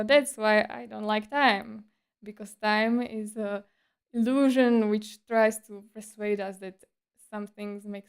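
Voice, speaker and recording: A woman's voice: medium pitch, smooth. A woman streamer chatting casually in a livestream monologue, with a breezy, playful and slightly coy, teasing manner.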